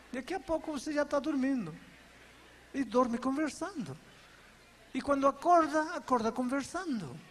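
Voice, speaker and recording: A male pastor preaching a sermon, acting out everyday conversations with lively shifts in voice and pace. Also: extremely high pitch. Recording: reverberant hall with faint background noise.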